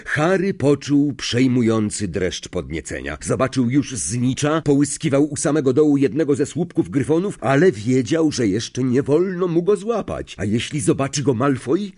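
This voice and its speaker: A man reading a story aloud with lively, expressive delivery. His voice is husky and swings widely in pitch. A mid-pitched, engaging audiobook narrator. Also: moderate pace, few pauses.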